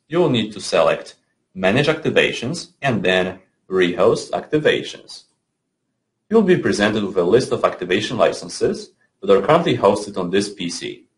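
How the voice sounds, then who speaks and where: A man narrating a scripted software tutorial, giving clear step-by-step instructions with the odd small slip. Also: fairly low pitch.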